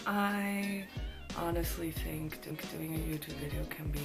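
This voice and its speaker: A woman vlogger telling a personal story in a casual, animated way, full of filler words. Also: deep voice, unhurried, loud music behind the voice.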